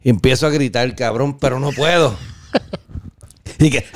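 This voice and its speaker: A young man co-hosting a podcast, telling a story in relaxed, slangy talk. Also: mid-range voice, measured pace, background noise. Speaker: podcast co-host. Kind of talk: casual storytelling chat.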